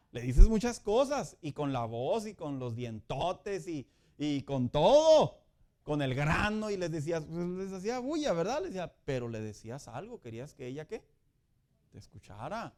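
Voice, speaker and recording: At a moderate pace, a middle-aged pastor gives a Sunday school sermon in a voice pitched high for a man. He's a lively preacher who jokes as he goes and speaks to listeners as "hermanos," brothers and sisters.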